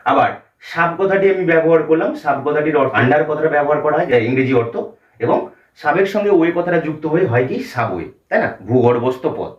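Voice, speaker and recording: A man with a Bengali accent teaches English grammar at a board, explaining step by step with fillers. His voice is a bit high and lively, and he moves quickly. The sound is roomy and dull, picked up by a mic some way off. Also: far from the mic. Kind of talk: whiteboard grammar lesson.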